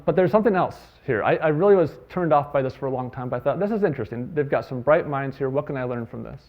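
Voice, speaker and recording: A man giving a conference talk, telling stories in a conversational way with lively emphasis. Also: mid-range voice, muffled recording. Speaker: conference speaker. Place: conference stage.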